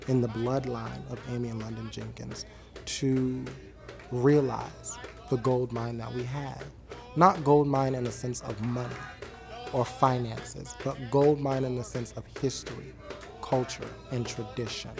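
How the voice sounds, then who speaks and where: A man from coastal Georgia, speaking earnestly and deliberately in a reflective documentary interview. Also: mid-range voice, vocal fry. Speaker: member of a traditional singing group. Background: music.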